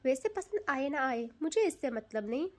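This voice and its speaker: A woman's voice: high voice, sing-song, normal speed, a little mellow. A woman voicing a possessive, teasing young woman in an audio love story, bossy and playful.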